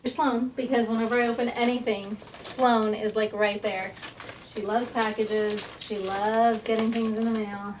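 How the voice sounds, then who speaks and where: A woman's voice: on the high side, little pitch movement, unhurried, rough recording. A woman chatting casually and informally to her viewers as a vlogger, often thinking aloud, with some noise in the recording. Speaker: vlogger and real estate agent. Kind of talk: casual vlog chat.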